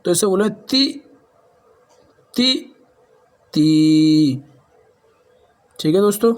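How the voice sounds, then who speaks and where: A man teaches the Hindi alphabet at an unhurried pace, sounding out each syllable with care. His voice sits a little high for a man. He repeats himself often and speaks to his viewers as friends. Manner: slow syllable-by-syllable recitation.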